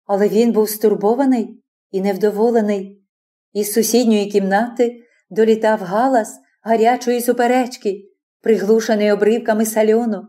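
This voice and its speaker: A woman narrating a classic novel as an audiobook in a measured, expressive reading. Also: medium pitch. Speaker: audiobook reader.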